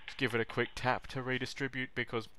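A young man vlogs how he makes coffee in a small home kitchen, giving casual, self-deprecating instructions. His mid-range voice is flat and quick, and the noisy recording picks up clicks and clatter.

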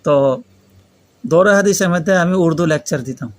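A Pakistani-accented man with a fairly high voice gives an interactive lesson. A native Urdu speaker, he talks in a foreign learner's Bengali with Urdu phrases mixed in. He explains step by step, repeats key points and keeps prompting with questions. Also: normal speed. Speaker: Arabic grammar teacher.

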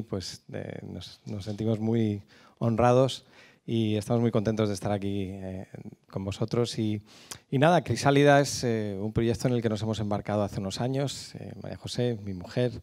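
Man, Madrid accent, 40s, mellow low voice, church hall talk, handheld mic. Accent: Madrid Spanish. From Spain. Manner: hesitant, many fillers and restarts. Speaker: guest speaker at a church. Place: church hall with a small stage. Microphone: handheld microphone.

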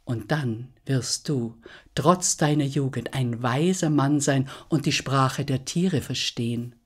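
A woman's voice: rumbling low, slow, slightly rough, heavily acted. A woman voicing a grateful, cunning male dragon, pleading and coaxing in a storytelling performance.

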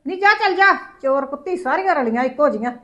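Woman playing an older mother-in-law, sharp-tongued, grumbling, scolding, high voice. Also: lively intonation, fast talker, dull audio.

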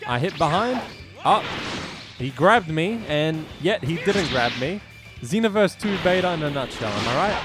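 Hosting a gaming video, a young man rambles through casual, slangy commentary and repeats himself. His slightly high voice is animated and at normal speed, with a phlegmy, rattly chest quality, and video game music plays behind him.

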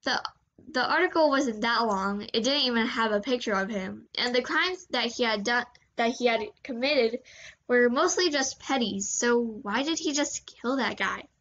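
A woman with a slightly sore voice reading second-person fanfiction aloud in a steady storytelling manner. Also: fairly high pitch, normal speed, highs cut off. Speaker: fanfiction reader.

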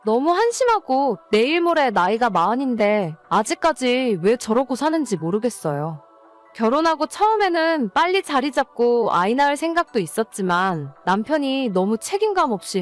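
A woman's voice: fairly high pitch, sing-song, moderate pace, faint music behind. A woman playing an exasperated, nagging wife in a scripted dramatized story. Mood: weary, fed up. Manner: nagging, scolding. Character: exasperated, scolding wife of an irresponsible husband. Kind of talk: scripted story narration and dialogue.

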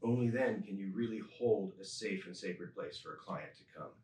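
A man in his fifties, a chiropractor being interviewed, speaking calmly and earnestly in an office. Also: on the low side, normal speed. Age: 50s. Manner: calm, earnest, repeats phrases for emphasis. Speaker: chiropractor guest. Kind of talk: reflective interview talk. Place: office with a desk and a skeleton model. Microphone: desk microphone on a stand. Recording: roomy office sound, mic a bit distant.

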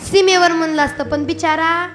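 A woman's voice: very high voice, fairly even intonation, moderate pace, music in the background. A woman kirtan preacher giving a devotional sermon, emphatic and chatty with asides to her audience.

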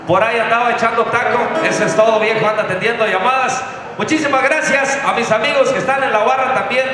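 A man from Tierra Caliente, Mexico, emceeing a live stage show with a handheld mic, loose, joking and thankful. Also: very high voice. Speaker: event emcee. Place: large indoor event hall with a stage. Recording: echoey hall over live music.

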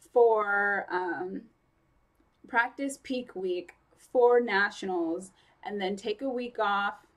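A young woman vlogging casually about her training, talking fast and chatty with lots of fillers and self-corrections. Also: medium pitch. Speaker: fitness vlogger. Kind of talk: casual vlog chat.

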